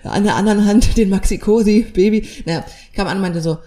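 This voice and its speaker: A woman's voice: mid-range voice, quick pace. A young adult woman, a new mother, chatting casually on a podcast and telling a story with lots of acted-out dialogue. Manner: animated storytelling, acting out quoted dialogue. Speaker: podcast co-host. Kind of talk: casual chat.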